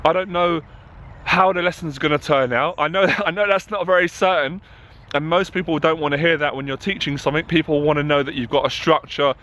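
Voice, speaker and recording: Outdoors in a town, a man who works as a confidence coach speaks candidly to camera, opening up and growing passionate and emotional. His voice is fairly high and a bit bright, with fairly even intonation and a brisk pace.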